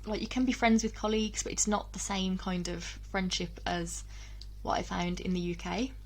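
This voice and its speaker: Talking casually into her camera, a young woman from England keeps her voice at a mid pitch and shares personal things in a relaxed way. She fills pauses with ums, backtracks over her words and laughs in between ideas.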